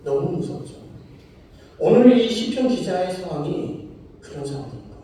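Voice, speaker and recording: Male preacher, high mellow voice, storytelling sermon, far from the mic in a very echoey church. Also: animated, normal speed, a little hiss or hum. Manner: storytelling, asks congregation questions. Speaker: pastor. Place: church sanctuary. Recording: roomy hall, from far off.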